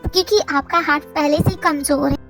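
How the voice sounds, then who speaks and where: A woman voicing a calm, measured female doctor. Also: sits high, faint music behind. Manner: measured, professional.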